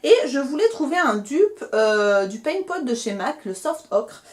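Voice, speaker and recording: A woman's voice: high voice, big pitch swings, a little slow. Chatty young woman reviewing beauty products. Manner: chatty, hesitant, many fillers and restarts. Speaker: beauty vlogger. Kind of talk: casual product haul review.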